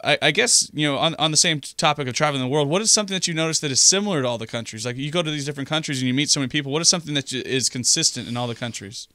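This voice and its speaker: A man's voice: fairly high pitch, racing, few pauses, bright, forceful tone, no echo. A young man hosting a radio interview, chatty and eager, using lots of fillers in a small studio. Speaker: radio host. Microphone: studio mic on boom arm.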